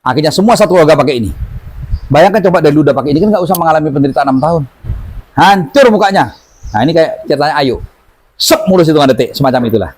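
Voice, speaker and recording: A man teaching an audience as a healing therapy instructor, telling stories lively and acting out the voices of the people in them. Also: fairly high pitch, rapid-fire, slightly rough, poor audio. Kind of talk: seminar talk to an audience.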